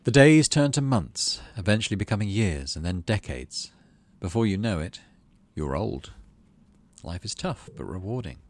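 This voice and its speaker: Reading aloud from a video game's story, this male narrator leans into a theatrical storybook style while dropping offhand remarks. He speaks at a moderate pace in a fairly low register.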